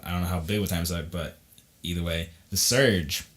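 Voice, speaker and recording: A man's voice: low-pitched, fairly quick, fairly bright tone. A man co-hosting a podcast, going over game news in enthusiastic, blunt casual chat with mild swearing. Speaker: podcast co-host.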